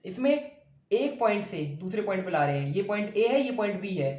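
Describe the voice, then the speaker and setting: A man's voice: high-pitched, big pitch swings, moderate pace, a little mellow. A male teacher giving a blackboard science lesson, asking the class questions, answering them himself, and patiently repeating each point. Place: room with a board he writes on and erases. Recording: echoey room.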